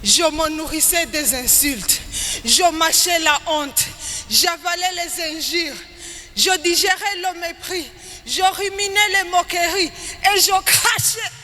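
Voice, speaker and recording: On stage in a large hall at a live event, a woman recites dramatic spoken-word poetry in an extremely high, pushed, bright voice. Her delivery is slow, emphatic and declamatory, with rising and falling phrases, and the recording is echoey with background noise.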